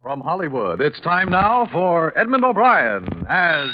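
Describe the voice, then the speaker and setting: A male radio announcer introducing a 1950s drama with smooth, formal delivery. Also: on the high side, sing-song, measured pace, lo-fi sound. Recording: old radio broadcast with theme music.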